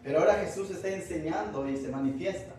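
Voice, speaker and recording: Pastor from Peru, high voice, chatty Bible teaching; captured far off in a booming church hall. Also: male voice, quick pace, a little mellow, faint music behind. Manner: conversational, asks the congregation questions. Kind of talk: verse-by-verse Bible study sermon.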